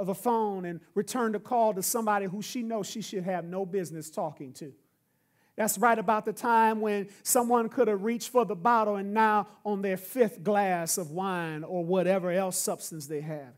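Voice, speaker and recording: A pastor preaching a sermon in an emphatic style, driving points home with repeated refrains. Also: mid-range voice.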